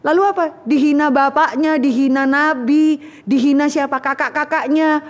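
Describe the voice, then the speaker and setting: A woman preacher giving a sermon, telling the story in a lively way with casual slang and acting out the voices of the people in it. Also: high-pitched, normal speed, long reverb tail.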